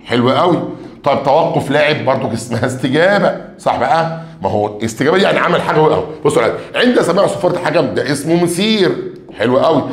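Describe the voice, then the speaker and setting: An animated Egyptian male teacher running an exam revision lesson, his voice swinging up and down as he drags out key words one at a time. He speaks quickly to his class. The sound is roomy and echoing. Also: a little high. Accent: Egyptian Arabic. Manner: lively, stretches out key words one by one while reading questions; addresses students directly, calls for blessings on the Prophet.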